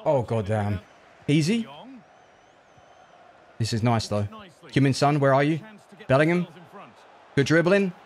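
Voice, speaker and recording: A man giving live commentary on his own football video game match, excitable, jumping from low groans to loud yelps. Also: unhurried, long pauses. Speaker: gaming YouTuber.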